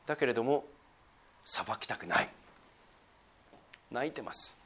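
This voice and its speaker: A man preaching a sermon as pastor, talking conversationally with questions to his listeners and swinging from emphatic lines to hushed, near-whispered asides. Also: mid-range voice, expressive, unhurried.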